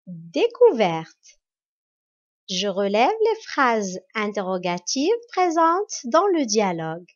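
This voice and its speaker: A woman teacher giving a grammar lesson to children, speaking in a slow, spelled-out and encouraging way. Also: mid-range voice, very animated. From Morocco. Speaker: primary school teacher. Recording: dull lo-fi recording.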